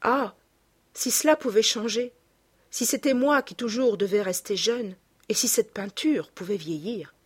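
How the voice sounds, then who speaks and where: A woman reads an anguished young man in a storybook reading, his voice breathy and lifted with pleading. He sounds tearful and desperate. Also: a little high, unhurried. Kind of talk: audiobook reading.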